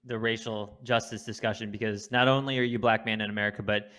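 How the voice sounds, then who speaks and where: A man's voice: on the low side, level tone, fast talker, bright, forceful tone. A man co-hosting a podcast, earnestly setting up his questions with background for the guest. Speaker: podcast co-host. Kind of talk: interview questions.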